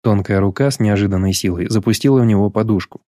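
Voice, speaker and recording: A man reading an audiobook in scripted narration, measured and even, on a close mic. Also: on the low side, no room sound.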